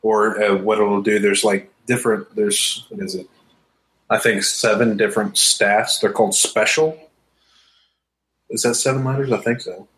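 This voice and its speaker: A man co-hosting a casual podcast, talking in an excitable, rambling way and laughing often. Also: on the low side, normal speed, rough recording. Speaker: podcast co-host.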